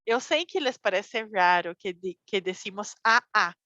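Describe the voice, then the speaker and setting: A Brazilian woman teaching a Portuguese lesson to Spanish speakers, saying each example word slowly and clearly and checking in often with her students. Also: medium pitch, lively intonation, pushed and bright, no echo, lo-fi sound. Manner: slow, careful enunciation of example words, checking in with "certo?".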